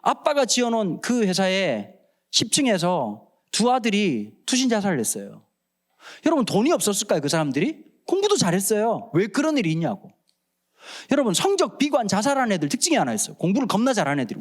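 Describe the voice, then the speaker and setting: A man's voice: high voice, fairly quick. A man in his forties with a Busan accent, preaching a humorous sermon in church, acting out quoted voices as he tells stories. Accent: Gyeongsang (Busan). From Busan, South Korea. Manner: animated storytelling, acts out quoted voices, jokes. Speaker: pastor. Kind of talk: humorous sermon at a prayer meeting. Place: church sanctuary.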